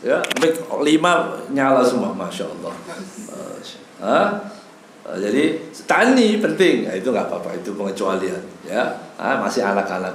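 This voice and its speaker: A man giving a casual evening lecture in a mosque, teaching with Arabic phrases mixed in and acting out quoted voices with humor. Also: on the high side. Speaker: religious teacher. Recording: echoey hall, faint background noise.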